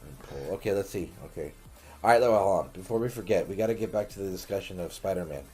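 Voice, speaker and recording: Dude with a really deep voice hosting a late night gaming stream, cussing and joking around, bit of music in the back. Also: male voice, fast, dark tone, slightly rough. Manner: loose, profane and joking, talks to viewers as buddy. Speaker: livestream host.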